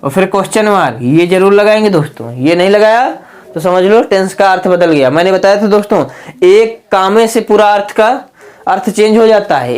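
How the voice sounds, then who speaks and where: Here a man whose voice sits high, with a clear, resonant tone, gives a spoken grammar lesson. Repetitive by habit, he throws rhetorical questions at the class and keeps addressing them as friends.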